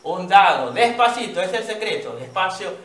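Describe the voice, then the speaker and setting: A man teacher giving a children's reading lesson, patiently sounding out words slowly and checking in with "¿ya?". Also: sits high, very animated, a bit bright, echoey room, slight background noise.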